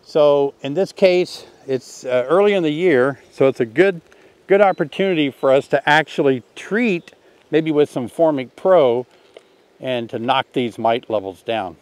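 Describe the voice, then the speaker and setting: A man's voice: on the high side, measured pace, dry recording. Older man demonstrating beekeeping outdoors. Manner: relaxed, folksy, thinks aloud while working. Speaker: beekeeping teacher. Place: outdoors in an orchard beside beehives.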